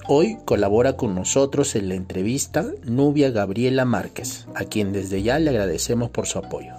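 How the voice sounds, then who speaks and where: A male podcast host reading a formal, measured introduction. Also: medium pitch, mellow, faint music behind.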